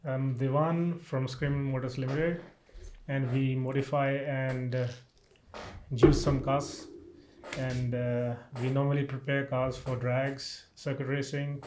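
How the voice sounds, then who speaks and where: A man with a mid-range voice, answering as a podcast guest. He speaks haltingly, pausing often on "uh" as he gathers his thoughts. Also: medium pitch, little pitch movement, a little mellow, slight background noise. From northern India. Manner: halting, with many "uh" pauses. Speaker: guest, car tuner. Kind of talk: casual interview chat.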